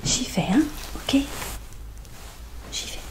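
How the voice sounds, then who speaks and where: Over a noisy background, a woman whispers softly in an ASMR roleplay as a veterinarian. She speaks gently and reassuringly, with hesitant pauses.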